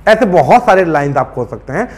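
Coaching teacher lecturing in a higher voice. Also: male voice, very animated, a little fast. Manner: conversational, checks understanding with frequent asides. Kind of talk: classroom lecture.

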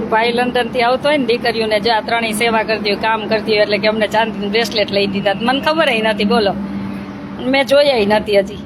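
A woman, chatting in a motherly, teasing way as an ashram caretaker. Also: medium pitch. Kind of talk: casual chat with girls and viewers. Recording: noisy outdoor recording with traffic.

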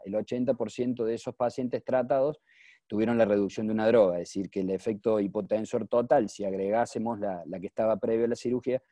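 A man's voice: fairly low pitch, mellow, no room sound. A man with a Cordobese Argentine accent giving an informal medical lecture as a surgeon presenting cases, explaining and stressing the openings of his phrases. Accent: Cordobese Argentine Spanish. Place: small indoor room, on a video call.

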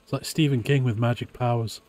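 A man's voice: mid-range voice, steady tone, fairly quick, a little mellow, slight background noise. A man streaming a game, giving casual live commentary to his viewers.

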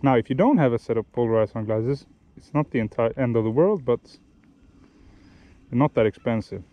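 A young man gives relaxed, explanatory fishing tips outdoors by a lake, often restarting and correcting himself mid-sentence. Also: medium pitch, brisk, dull audio. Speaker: fishing vlogger. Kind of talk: casual instructional talk while fishing.

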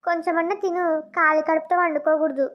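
A kind, soothing mother-in-law from a village cartoon, voiced by a woman. She speaks gently in a very high voice. The audio is dull and lo-fi. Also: fairly even intonation, quick pace. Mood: caring.

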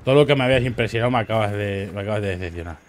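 A young Spanish man with a Murcian accent, giving excited commentary on game clips, shouting reactions and swearing freely. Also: on the low side, racing, slight background noise.

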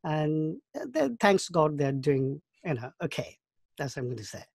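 A man in his fifties from Bangladesh, recalling his life in an interview, talking thoughtfully with halting restarts. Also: fairly high pitch, big pitch swings, vocal fry, darkish tone, no room sound, studio quality. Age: 50s. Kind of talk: oral history interview.

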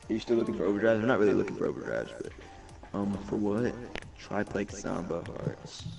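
A man's voice: fairly low pitch, expressive, fairly quick, creaky. A young man streaming a game, reading viewers' chat aloud in hyped, slangy casual talk. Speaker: gaming streamer. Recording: distant mic under loud game music. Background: loud game music.

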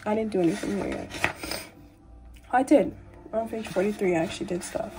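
Loud music plays behind a teenage girl talking a little fast in a medium-pitched voice. In her small bedroom, with a phone camera propped nearby, she rambles with lots of filler words in a casual day-in-my-life vlog.

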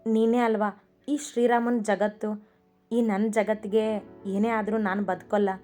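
A devoted young husband begs forgiveness in a low, warm murmur, voiced by a woman narrating the story. His pleading stays even and unhurried in tone, with little rise and fall. Faint instrumental music sits beneath the storybook reading. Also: lightly acted. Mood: teasing tender. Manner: pleading, affectionate, apologetic. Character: loving young husband, tender and remorseful.

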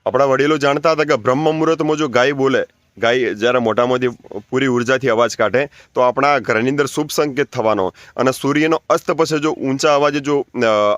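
A man's voice: medium pitch, fairly bright tone, no echo, studio quality. A man giving an earnest, preachy spoken appeal to keep cows, repeating his points and urging listeners. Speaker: natural farming advocate.

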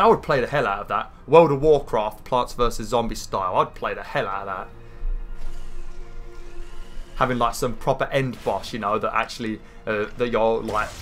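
A British gaming video host talks through casual gameplay in a fairly low, slightly bright voice that sounds nasal, as if he's holding his nose. He's informal, rambling and sweary.

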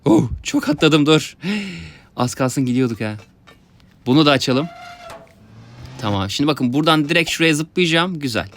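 A young man giving excited let's-play commentary, talking to his viewers and yelping at his mishaps. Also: fairly high pitch, normal speed, pauses often. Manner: excitable, yelps and laughs at mishaps, talks to viewers. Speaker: gaming YouTuber.

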